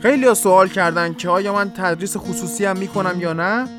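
A podcast host and English teacher giving a pronunciation lesson, explaining step by step and slowly demonstrating each sound. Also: medium pitch, music in the background.

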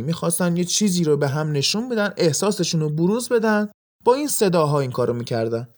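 A man with a somewhat high voice hosts an educational podcast. He reads from a script with lively energy and acts out the sound words he explains. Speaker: podcast host.

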